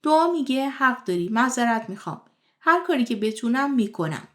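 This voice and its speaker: A woman retelling the episodes of a television drama in scripted narration, moving briskly from scene to scene. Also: on the high side, big pitch swings, a bit bright. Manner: brisk retelling of scenes in plain third person. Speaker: series recap narrator.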